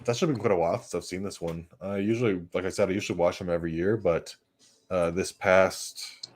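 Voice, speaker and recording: A man's voice: low-pitched, fast. A young man hosting a casual live watch-party stream, chatting and reading out viewer comments. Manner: relaxed, reads out viewer comments.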